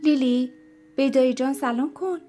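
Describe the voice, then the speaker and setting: A woman reads a worn-out mother from a storybook, firm and coaxing by turns. The voice sits fairly high and close to the reader's own. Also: dark tone, soft background music, natural voice.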